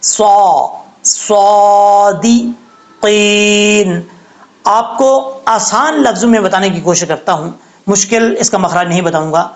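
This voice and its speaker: High-voiced male recitation teacher. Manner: patient, explains each letter slowly, then recites in a melodic chant. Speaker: Quran tajweed teacher. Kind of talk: step-by-step recitation lesson.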